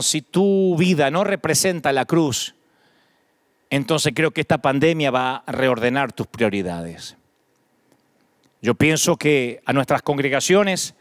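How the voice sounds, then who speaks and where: A man's voice: fairly high pitch, dry recording, studio quality. A middle-aged man with an Argentine accent, preaching a sermon as pastor, building repeated lists with rising emphasis. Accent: Argentine Spanish.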